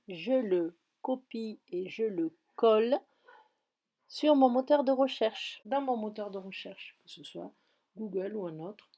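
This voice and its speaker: A woman's voice: on the high side, warm tone. A woman with a Spanish accent, a teacher walking students step by step through an online dictionary in a screen-recorded tutorial. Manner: step-by-step, patient explaining.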